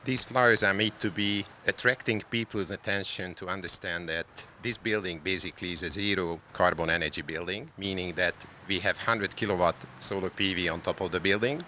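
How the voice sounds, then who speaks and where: A man's voice: deep voice, brisk, few pauses, pushed and bright, a little hiss or hum. A man from Hungary, answering interview questions about a public art project, hesitating often with fillers. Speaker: interviewee, solar art creator.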